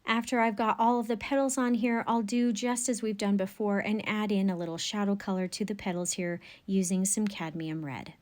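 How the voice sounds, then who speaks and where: A woman with a mid-pitched voice gives painting instruction in a gentle, encouraging manner. She narrates each step in an orderly, tutorial style, like a teacher guiding beginners. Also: fairly even intonation, normal speed, few pauses.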